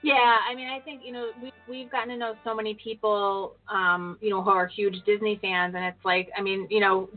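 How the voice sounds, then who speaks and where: A woman's voice: mid-range voice, fairly even intonation, brisk, few pauses. A woman co-hosting a casual podcast, teasing her co-host and laughing easily. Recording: phone-like lo-fi audio with faint music.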